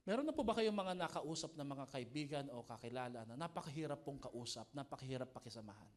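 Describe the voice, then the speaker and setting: A male pastor preaching a sermon to a live congregation, animated and jokey, often asking the people questions. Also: medium pitch, quick pace. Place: church service before a live congregation.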